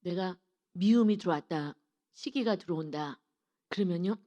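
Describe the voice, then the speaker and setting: A woman preaching a sermon in a church, telling personal stories with lively acted-out quotes and frequent laughs. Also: lowish voice, normal speed. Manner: laughs often while telling. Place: church sanctuary.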